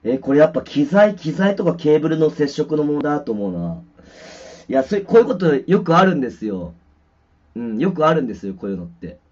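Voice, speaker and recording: Livestreaming from home, a musician rambles casually with lots of fillers while checking how his mic and guitar sound. His voice is on the high side, very animated, a little fast, and slightly mellow. The stream audio is dull, lo-fi, and distorted.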